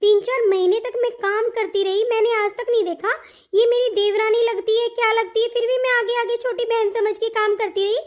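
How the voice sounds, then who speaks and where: A woman voicing a fed-up elder daughter-in-law in an animated family story, speaking in an indignant, complaining way. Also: very high-pitched, normal speed.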